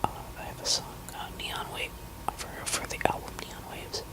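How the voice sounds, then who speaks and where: A woman speaks in a barely audible whisper, with almost no voice behind the words. She rambles casually in an ASMR style, hesitating and pausing mid-thought as she goes. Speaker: musician talking to listeners.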